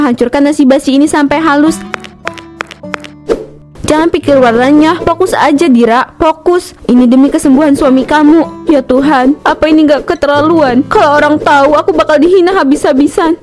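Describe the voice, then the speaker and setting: Woman doing a stressed out young mom in a cartoon, kinda high voice, nervous, music under it. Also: normal speed, darkish tone, lightly acted. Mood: worried. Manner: anxious, pleading, stammering. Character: poor worried young wife and mother. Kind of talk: cartoon voice acting.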